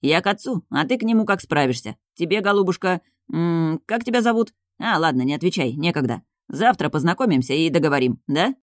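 A woman reading the part of a young male dragon duke in an audiobook, hurried and commanding. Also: low voice, animated, no echo, clean studio sound. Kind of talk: audiobook character voice.

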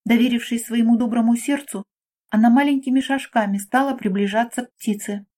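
A woman narrating a children's fairy tale in a gentle, read-aloud manner. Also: fairly high pitch, steady tone, brisk.

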